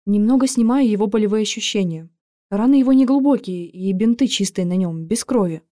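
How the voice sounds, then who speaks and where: A woman narrating a first-person audiobook in a lively, expressive way. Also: medium pitch, a little fast, no echo, studio quality.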